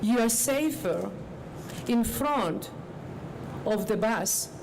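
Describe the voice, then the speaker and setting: A woman giving an informal public speech as a guest official, in deliberate, halting short phrases. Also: a little high, expressive, low-quality recording. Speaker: government agency director, guest speaker. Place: outdoors on a public street. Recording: outdoor street with loud traffic noise. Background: clear traffic noise.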